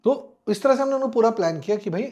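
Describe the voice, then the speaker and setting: A middle-aged man with a fairly high voice spins a lively anecdote as a podcast guest. He slips between Hindi and English and mimics the people in his story. He chuckles as he goes. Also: fast talker. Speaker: podcast guest, former air force officer.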